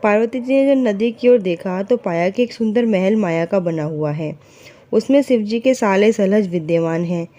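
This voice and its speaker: A woman's voice: mid-range voice, moderate pace, mellow, dull audio. A woman retelling a devotional story in a casual, conversational way, asking and answering her own questions, with fillers and self-corrections as she goes.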